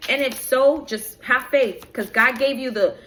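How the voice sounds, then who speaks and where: Faint music plays behind a woman with a high-pitched, fairly bright voice who speaks at a measured pace. She gives a preachy inspirational reading directly to her viewers, rambling and losing track of her notes.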